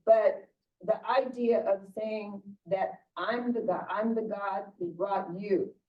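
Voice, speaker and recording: A woman's voice: mid-range voice, takes it slowly. An older woman preaches in a loose, conversational way, doubling back on her words as she goes. Her voice sits mid-range and is picked up from a distance. The recording has a dull, muffled tone. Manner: conversational, many restarts and repeated words. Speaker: pastor. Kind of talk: informal sermon talk.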